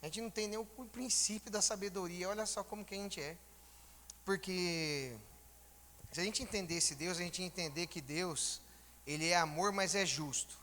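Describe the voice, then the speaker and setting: A man's voice: sits high, moderate pace, sharp tone, in a large hall. A man giving a conversational sermon in a church, informally asking the congregation rhetorical questions. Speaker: church elder preaching.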